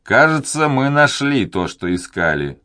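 A man voicing an excitable buccaneer who shouts eagerly. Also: mid-range voice, measured pace, pitched above the performer's own voice. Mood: excited.

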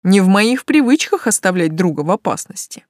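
A woman voicing a loyal, earnest young man in an audiobook, firm and a little raised, with a lively pitch. It is recorded dry and close. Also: brisk, dry recording. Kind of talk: audiobook character reading.

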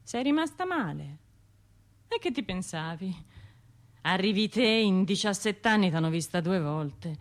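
Playing a troubled bombing survivor in a radio drama, the actress delivers a hesitant, halting monologue that is conversational and full of self-questioning. Her medium-pitched female voice has a sing-song quality and a self-mocking tone.

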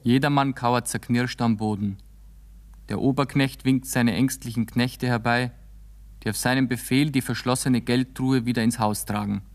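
A man reading the stage directions of a radio play in a calm, measured way. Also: medium pitch. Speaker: narrator. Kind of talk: scripted stage-direction narration.

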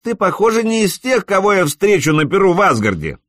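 A man voicing a gruff, defiant male viking warrior who shouts scornfully. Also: high voice, big pitch swings, brisk, no echo, studio quality, pitched above the performer's own voice.

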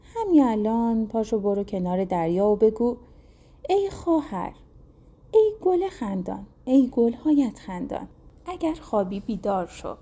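A woman's voice: on the high side, mellow. A woman voicing the fisherman's magical wife from the sea, soothing him and reciting a chant. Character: calm magical sea-maiden wife, reassuring.

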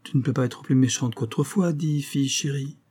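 A man's voice: mid-range voice, fairly quick, mellow, husky, voice pushed up, close to an everyday voice. A man reading an audiobook, voicing a meek, doting old female servant who pleads in a raised voice. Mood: pleading.

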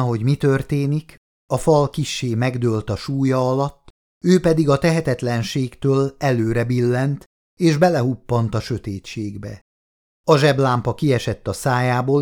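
A man reading an audiobook in a steady, dramatic storytelling manner. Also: medium pitch. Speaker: audiobook narrator. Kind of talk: scripted audiobook narration.

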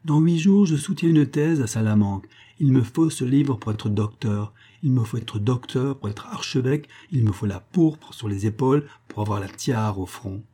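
A man's voice: on the high side, very animated, normal speed, few pauses, dark tone, slightly rough, voice pushed up. A man voicing a young, rich male scholar, polite but scheming, speaking in an insistent, emphatic voice. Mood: fervent.

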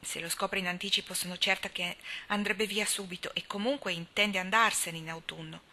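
A woman reading the part of a gentle, good-humoured young married woman in an audiobook. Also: medium pitch, steady tone, a little fast. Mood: hushed.

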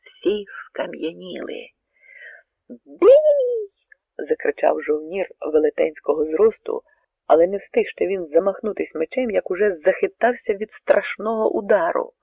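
A man narrating a dramatic story, swinging between hushed passages and emphatic lines. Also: sits high, normal speed, gravelly, husky, no echo. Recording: narrow tinny radio recording, dry.

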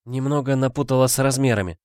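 A man voicing a timid, tired pregnant young wife who speaks softly and meekly. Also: medium pitch, fairly even intonation, fast talker, no echo, clean studio sound, voice pushed up, natural voice. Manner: soft, meek.

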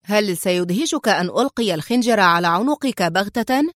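A woman's voice: fairly low pitch, expressive, brisk, no echo, studio quality, natural voice. Woman voicing a sarcastic, defiant male hero. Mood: defiant mocking. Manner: mocking and defiant.

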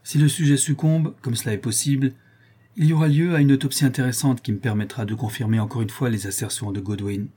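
A man's voice: mid-range voice, steady tone, fast talker, mellow, husky, lightly acted. A man voicing a cold, clinical, stoic male doctor who speaks in a dry, detached, matter-of-fact way.

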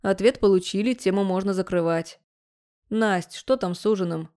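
A woman voicing a calm, decisive middle-aged father in an audiobook. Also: mid-range voice, moderate pace, natural voice. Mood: firm.

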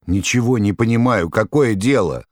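A man reading an audiobook, voicing a proud, fierce woman who turns sharp and pleading. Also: on the low side, normal speed, no room sound, clean studio sound, voice pushed up, lightly acted. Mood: indignant.

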